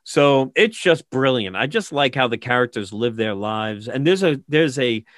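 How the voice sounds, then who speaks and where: A man casually retelling a film plot with lots of fillers and animated asides. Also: mid-range voice, moderate pace, no echo, clean studio sound.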